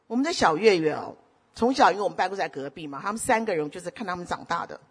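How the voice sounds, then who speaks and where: A middle-aged woman preaching a sermon. She keeps asking the congregation rhetorical questions and swings between loud exhortation and soft storytelling. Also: fairly low pitch, lively intonation, racing, husky.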